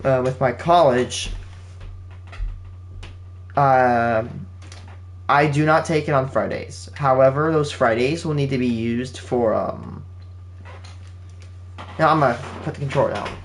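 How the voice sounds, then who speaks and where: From home, an eighteen-year-old channel host gives his viewers a rambling, casual update, frequently restarting sentences and using fillers. His mid-range voice is slow with frequent pauses, and a game console can be heard running near his home setup.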